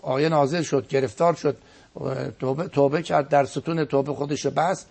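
A man's voice: a little high, steady tone, gravelly, a little mellow. A man speaking as a guest cleric, giving an earnest, emphatic religious lecture on a broadcast program and often repeating his words for stress. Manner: earnest, emphatic preaching with repetitions.

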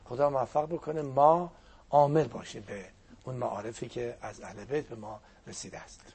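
An older man, a cleric whose first language is Azerbaijani Turkish, telling religious stories in an animated preaching manner with a husky, gravelly voice. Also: mid-range voice. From Turkic-speaking region of Iran. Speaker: cleric guest speaker. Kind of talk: religious storytelling talk.

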